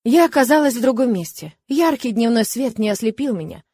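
A woman narrating a first-person fantasy audiobook with expressive, lively storytelling. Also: fairly high pitch, fairly quick, husky, no room sound, studio quality.

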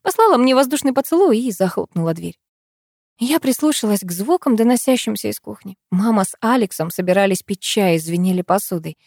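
A woman reading a first-person novel as an audiobook narrator, in an expressive, lively way. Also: mid-range voice, a little fast, vocal fry, dry recording, clean studio sound.

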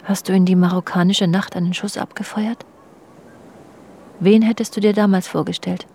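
Music underscores this German radio drama, where an actress as a worldly wife addresses her husband directly, reflecting wistfully and in literary, confiding tones on their restless, jealous marriage. Her medium-pitched, natural voice is fairly even, slightly mellow, at normal speed, with slight background noise in this intimate narration and dialogue.

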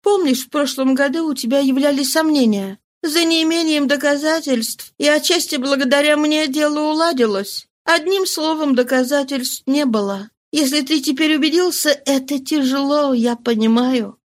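A woman voicing an ailing young mistress who talks softly and persuasively in a read-aloud story. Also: high voice, normal speed, hardly any pauses, voice pushed up, lightly acted. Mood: soothing. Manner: soft-voiced, persuasive, coaxing.

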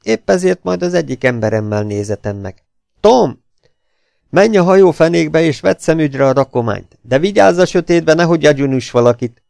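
A man reading aloud, voicing a coolly menacing gangster who speaks with smooth, mocking courtesy. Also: mid-range voice, expressive, a little mellow, no room sound, clean studio sound. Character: mock-polite adult male gangster, cool and menacing.

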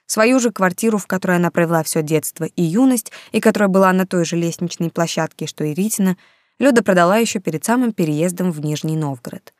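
A woman narrates a story in a measured, even reading. Her voice sits fairly low, and the recording is dry and close with no room sound. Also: no echo.

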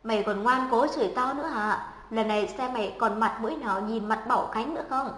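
A woman's voice: a little fast, fairly bright tone, natural voice. A woman voicing a jealous, spiteful schoolgirl bully who barks insults and orders. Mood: furious. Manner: shrill, insulting, commanding. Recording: echoey room with long reverb.

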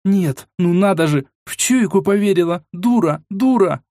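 A man's voice: fairly high pitch, moderate pace, no echo, clean studio sound, soft background music, voice pushed up, lightly acted. A man reading an audiobook and voicing a furious young woman clan leader who screams and swears.

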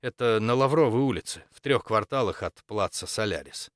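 A composed, patient church dean, a woman of quiet authority, speaks in a measured and polite way, as a male narrator puts her on. Her lines come in a slightly lifted, lowish voice. The recording is close and dry. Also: expressive, dry recording, close to an everyday voice. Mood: calm.

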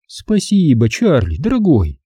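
Brief: sugary, flirtatious actress, pitched way up as a man reads her in an audiobook. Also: big pitch swings, normal speed, mellow, slightly rough, no room sound, clean studio sound, heavily acted. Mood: coaxing. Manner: coaxing, sugary. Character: cooing, flirtatious woman film star.

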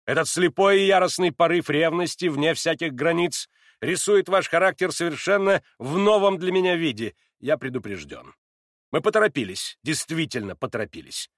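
Brief: a haughty old-world prince, read by a man, lowered voice, measured and condescending, dry sound. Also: a bit bright, no room sound, lightly acted. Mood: cold haughty. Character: cold, self-righteous older aristocrat, a prince. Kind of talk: audiobook reading.

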